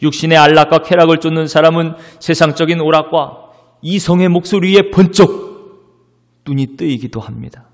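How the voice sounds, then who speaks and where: A male pastor preaching a sermon, dramatic, moving between loud declarations and hushed whispers. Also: mid-range voice. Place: church sanctuary. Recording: long church-hall reverb.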